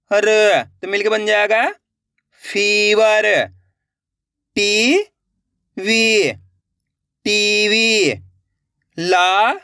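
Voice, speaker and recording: A man's voice: sits high, fairly bright tone, no echo, studio quality. A man teaching a reading lesson online, sounding out each word syllable by syllable before blending it, and asking his learners questions to coax them along. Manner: spells words syllable by syllable, then blends them; coaxing, asks learners questions and urges them to try.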